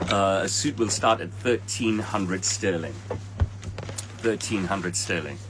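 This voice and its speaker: Over music, a low-pitched, slow-speaking tailor in his forties answers livestream viewers. He has a Hong Kong English accent and a blunt, impatient manner, cursing at those who comment. He's indoors, trophies visible behind him.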